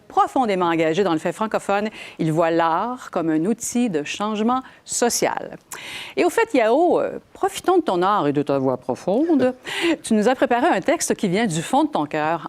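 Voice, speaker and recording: A woman, hosting a live event in a playful manner, stretching out words for emphasis. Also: mid-range voice. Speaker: host.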